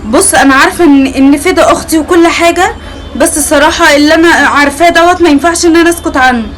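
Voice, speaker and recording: A woman's voice: sits high, fast, a little hiss or hum, natural voice. A woman playing a worried young sister-in-law who confides hesitantly over the phone, with an Egyptian accent. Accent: Egyptian Arabic.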